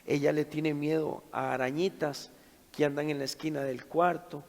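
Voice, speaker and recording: A middle-aged man delivers a sermon built around a dramatic personal story, moving between hushed passages and loud bursts. His voice is gravelly and sits a little high. The sound carries a long reverb from a church hall. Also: little pitch movement, moderate pace. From Costa Rica. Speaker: preacher at a men's conference.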